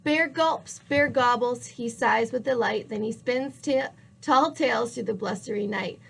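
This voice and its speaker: A woman reading a picture book aloud with a rhythmic, drawn-out delivery. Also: fairly high pitch, gravelly, a bit bright, a little hiss or hum. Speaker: storybook reader.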